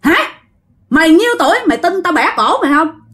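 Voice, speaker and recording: A woman's voice: very high-pitched, sing-song, fast, a bit bright, pitched above the performer's own voice, full character voice. A woman voicing a menacing male ghost speaking through a possessed girl, with a growling, threatening delivery. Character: menacing ghost of a drowned boy, now male.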